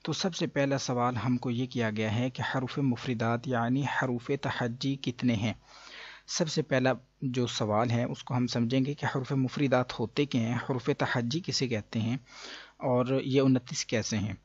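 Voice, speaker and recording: A man's voice: medium pitch, steady tone, husky, muffled recording. Patient male Quran reading teacher. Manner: patient, explains slowly, drawing out each letter sound. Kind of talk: step-by-step recitation lesson.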